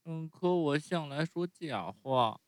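A man voicing an eager, excitable wooden puppet boy in a high squeaky voice, often starting with a hesitant "uh". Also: takes it slowly, no room sound. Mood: pleading. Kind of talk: bedtime story reading.

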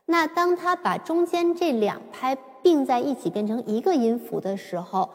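A woman giving a patient, step-by-step piano lesson, explaining slowly with occasional fillers. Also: high voice, animated, a little mellow. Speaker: piano teacher. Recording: long reverb with piano. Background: piano played at times.

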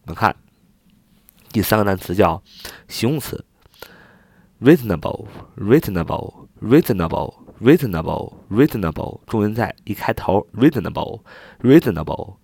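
A man's voice: fairly low pitch, darkish tone, no echo. A man teaching English vocabulary in a spoken lesson, repeating each word and spelling it out letter by letter. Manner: spells words letter by letter and repeats them slowly.

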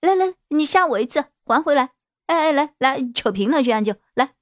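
A woman storyteller voicing a male shop boss who talks in a lowered, coaxing, soothing way. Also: expressive, fairly quick, no room sound, clean studio sound. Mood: flustered. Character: gruff flustered male shop boss, gentle underneath.

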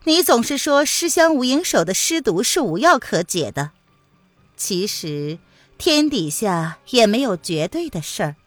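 A woman's voice: on the high side, very animated, a little slow, no room sound, faint music behind, voice pushed up. A woman voicing a scheming villainess who poisons people, speaking in a sly, taunting way in a storytelling reading. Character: cold scheming poisoner lady, mocking. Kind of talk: audiobook character voice.

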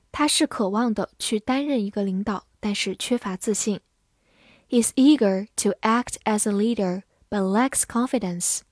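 Slow, careful woman teaching vocabulary. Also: a little high, dry recording, clean studio sound. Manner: slow, even, careful dictation of words and meanings. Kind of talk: scripted lesson narration.

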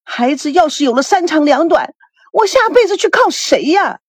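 A woman's voice: very animated, moderate pace, dry recording, clean studio sound. A woman voicing an anxious middle-aged mother who nags her husband. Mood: nagging. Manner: shrill nagging.

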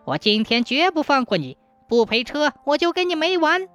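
A woman's voice: very animated, normal speed, faint music behind. A woman voicing a male ghost cart driver who complains in a pushy, raised voice. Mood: indignant. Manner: loud, complaining, high-pitched.

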